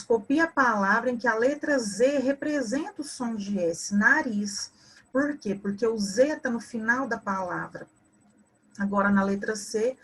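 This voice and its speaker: A Brazilian woman teaches in a slow, unhurried way, walking children through their homework corrections. Her voice has a husky edge, and she sounds out each word with patient explanation. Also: mid-range voice. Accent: Brazilian Portuguese. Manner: patient and explanatory, spells out words slowly.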